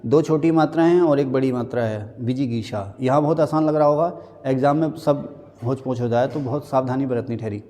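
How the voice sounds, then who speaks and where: A man teaching a Hindi spelling lesson, naming each common mistake and then slowly spelling out the correct form. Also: medium pitch, mellow, long reverb tail. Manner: drills words, stating the wrong and the right spelling again and again; slows right down to spell a word out. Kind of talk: classroom-style spelling lesson.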